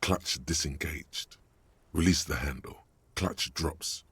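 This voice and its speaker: An actor playing a detective's smug, needling inner voice that also narrates a game. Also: male voice, extremely low pitch, slow, a bit bright, slightly rough, no room sound, exaggerated voice. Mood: narrating. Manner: sardonic, needling.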